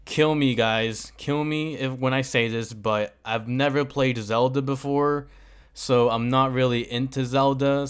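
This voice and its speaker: A young man hosting a casual solo podcast, rambling and joking with animated asides. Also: medium pitch, clear, resonant tone. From United States. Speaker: podcast host.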